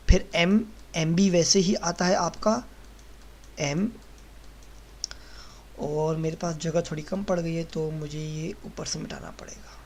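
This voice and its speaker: A man teaching German pronunciation in a slow lesson. He patiently explains each letter and says every sound several times while writing on a board. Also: high-pitched, a little mellow. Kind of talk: slow lesson walking through the alphabet.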